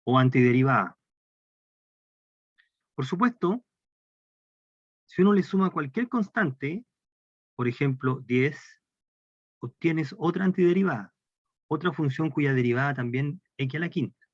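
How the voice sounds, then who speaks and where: This math lecturer speaks in a fairly high voice with lively intonation, unhurried and pausing often. With a Chilean Spanish accent, he explains calculus step by step and puts questions to the class, captured in a dry, dull lo-fi recording.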